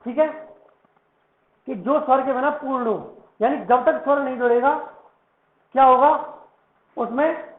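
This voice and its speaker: A male Sanskrit teacher with an extremely high voice gives a classroom lesson, unhurried and with long pauses. He keeps asking questions and answering them himself, and repeats words to drill pronunciation. The audio is tinny and phone-like in an echoey room.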